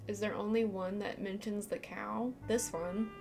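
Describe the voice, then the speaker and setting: A woman's voice: medium pitch, steady tone, measured pace, gravelly, over music. A woman streaming a game, chatting casually and thinking aloud as she plays. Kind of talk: casual live-stream commentary.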